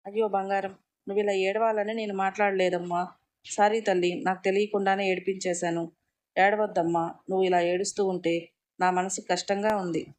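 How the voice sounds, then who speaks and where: A woman's voice: medium pitch, little pitch movement, normal speed, darkish tone, close to an everyday voice. A woman voicing an affectionate middle-aged mother-in-law in a storybook reading, soothing and motherly.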